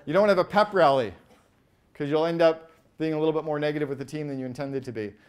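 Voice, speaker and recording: A man giving an energetic business keynote on stage, firing quick questions at the audience and rattling off lists. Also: on the high side, clear, resonant tone. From Canada. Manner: animated, asks the audience quick questions, acts out quoted voices. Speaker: keynote speaker. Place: event stage before a live audience.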